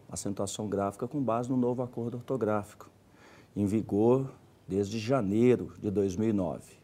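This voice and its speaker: A man's voice: fairly low pitch, mellow. A middle-aged man teaching a scripted grammar lesson, stressing each example word with care. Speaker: Portuguese language teacher.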